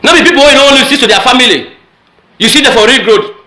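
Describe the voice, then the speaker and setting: A man's voice: very high voice, quick pace, pushed and bright. A man with a Benin City Nigerian Pidgin accent, arguing heatedly in a mocking, combative manner and parroting phrases. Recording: roomy echoing sound.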